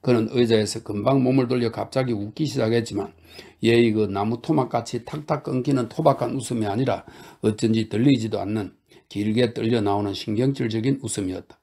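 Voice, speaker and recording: Gravelly, dark-voiced man reading a novel. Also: fairly low pitch, fairly quick. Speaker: audiobook narrator. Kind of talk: calm novel reading for sleep.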